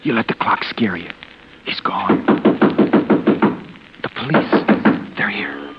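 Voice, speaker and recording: Hunted man on the run, low voice, hushed and tense, music under, dull old radio sound. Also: expressive, slow pace. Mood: urging. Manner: tense inner monologue, often hushed. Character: panicked young man hiding after a killing. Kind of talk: 1940s radio drama narration.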